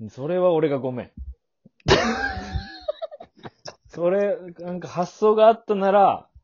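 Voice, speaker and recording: A man co-hosting a casual podcast chat, scolding his partner in mock anger with sudden shouted jabs. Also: high-pitched, huge pitch swings, slow pace, muffled recording. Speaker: podcast co-host.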